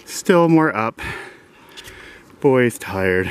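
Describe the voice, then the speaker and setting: A man's voice: medium pitch, lively intonation, a little slow, a bit bright. A man vlogging as he hikes a mountain trail, chatty and jokey, talking to himself and out of breath from the climb. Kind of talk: hiking vlog narration. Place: outdoors on a rocky mountain trail.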